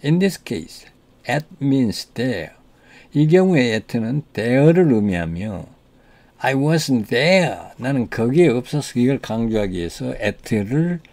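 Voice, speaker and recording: Slow gravelly Korean man teaching English. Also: mid-range voice, a little mellow. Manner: explains in Korean, reads English sentences slowly with stress. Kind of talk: language lesson explaining English pronunciation.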